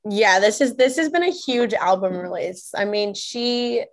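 Female podcast guest, mid-pitched voice, casual chat over a video call. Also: lively intonation, unhurried.

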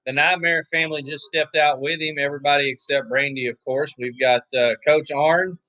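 A hoarse man, giving laid-back, chatty play-by-play commentary on a wrestling match, with offhand asides. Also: on the high side, fairly even intonation, a little fast, sharp tone, dry recording, highs cut off. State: hoarse, losing his voice. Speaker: wrestling watch-along commentator.

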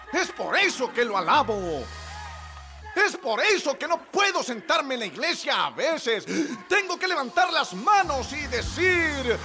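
A man preaching a sermon in a church, joking and conversational, swinging from soft asides to shouted peaks. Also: extremely high pitch. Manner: jokey and conversational. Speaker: pastor.

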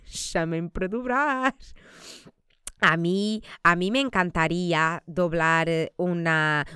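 A woman's voice: medium pitch, smooth, dry recording, clean studio sound. A woman with a European Portuguese accent doing casual, humorous commentary in a chatty, slangy way, slipping into mimicked asides. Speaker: commentator reviewing a TV series.

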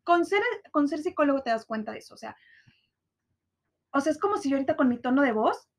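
Young woman, Mexican accent, high-pitched, casual storytelling, slangy, acts out quotes, stressed. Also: animated, fast. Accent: Mexican Spanish. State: anxious, stressed.

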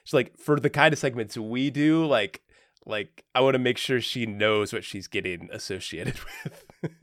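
A man's voice: mid-range voice, moderate pace, a bit bright, dry recording, clean studio sound. A young man chatting casually on a podcast, rambling and laid-back with lots of fillers. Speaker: podcast co-host, special guest. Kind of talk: casual chat.

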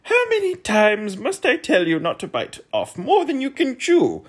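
A man's voice: high-pitched, wildly swooping pitch, slow pace, pitched above the performer's own voice, full character voice. A man voicing fussy, nagging storybook noblemen in an exclamatory manner. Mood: scolding.

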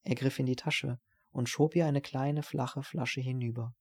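A man reading a novel aloud as an audiobook narrator, in a measured, even storytelling voice. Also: mid-range voice, slightly rough.

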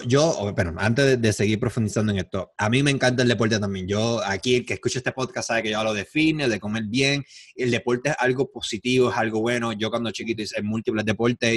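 A man's voice: fairly low pitch, dry recording. Puerto Rican man hosting a podcast, dry sound. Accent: Puerto Rican Spanish. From Puerto Rico. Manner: talkative, opinionated, quick asides. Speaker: podcast host. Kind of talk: casual podcast chat. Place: lives in the United States.

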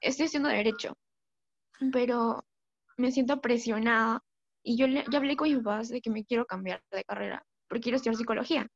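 Young woman caller, halting and unsure, slightly high voice with gravelly fry, dull dry call audio. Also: no room sound. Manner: hesitant, halting. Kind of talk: call-in advice chat. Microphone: video call.

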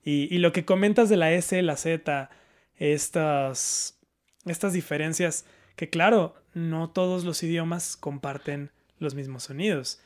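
Man, fairly high voice, measured and careful in chat. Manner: careful, measured, with some hesitations. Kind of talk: casual chat.

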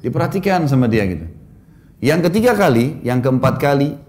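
A man preaching to a congregation, telling anecdotes about his children in a warm storytelling way and often chuckling at his own stories. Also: medium pitch, big pitch swings, fairly quick.

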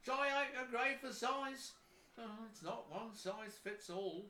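A man's voice: very high voice, slow pace, sharp tone, full character voice. A man playing a teasing gravedigger. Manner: teasing, sing-song delivery. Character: mocking male gravedigger, sly and teasing. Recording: roomy echo.

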